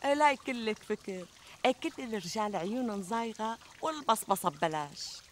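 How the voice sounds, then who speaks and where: Casting: woman playing chatty, coaxing Syrian best friend, TV comedy, quick emphatic delivery, faint outdoor noise. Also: mid-range voice, expressive, close to an everyday voice. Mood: reassuring, curious. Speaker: actress in a TV comedy drama. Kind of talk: conversational TV comedy sketch acting. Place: outdoors in a garden. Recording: outdoor ambience, trickling water noise.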